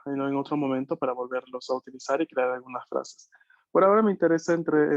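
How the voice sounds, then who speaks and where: Over a video call with dull, dry audio and no room sound, a man teaches a beginners' language class. His voice is fairly high and a little mellow, and he patiently asks frequent questions to check that students follow.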